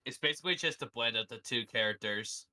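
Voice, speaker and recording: A woman with a strikingly low voice talks casually in an online voice chat. She sounds like a co-streamer among friends. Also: fast, bright, forceful tone.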